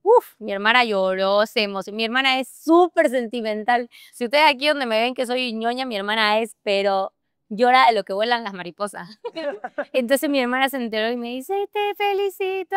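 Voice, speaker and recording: A young woman with a Santa Cruz Bolivian accent, talking as a podcast guest. Her voice is very smooth and fairly high. She tells her story in a lively way, laughs often and acts out her own thoughts. The sound is dry and close. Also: a little fast, no room sound. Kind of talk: personal storytelling in a casual interview.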